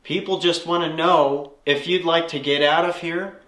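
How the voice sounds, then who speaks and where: A young man investigating a haunted building, speaking in a low, hushed tone as he calls out to spirits. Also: steady tone, moderate pace. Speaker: paranormal investigator. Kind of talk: ghost-hunting vlog. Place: inside an old, reputedly haunted building. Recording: echoey indoor room.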